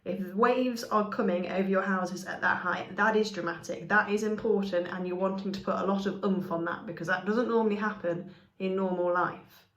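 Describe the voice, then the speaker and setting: Woman teacher for a grammar lesson, patient, checks in with "okay?", mid-pitched, echoey room. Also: fairly even intonation, normal speed, muffled recording.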